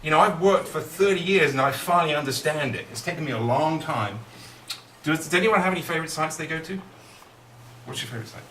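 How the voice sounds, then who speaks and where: A man's voice: on the high side, quick pace, fairly bright tone. A middle-aged man performing as a kids' party magician, with playful patter that coaxes the young audience along with questions. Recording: roomy, distant mic, faint noise.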